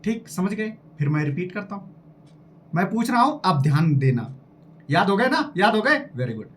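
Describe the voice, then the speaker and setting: Animated male exam-prep teacher. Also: high-pitched, moderate pace, slight background noise. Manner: animated, quizzing listeners directly, repeating items. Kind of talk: lively exam-prep lesson with memory tricks.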